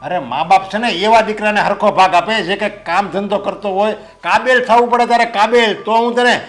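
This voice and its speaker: A man's voice: high voice, moderate pace, a bit bright. An actor playing a stern, hardworking father who lectures his idle son.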